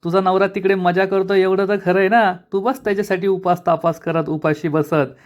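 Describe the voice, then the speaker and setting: A man's voice: high voice, steady tone, brisk, dull audio, close to an everyday voice. A man voicing a grumpy, short-tempered older village man who answers with angry, mocking retorts. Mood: irritated.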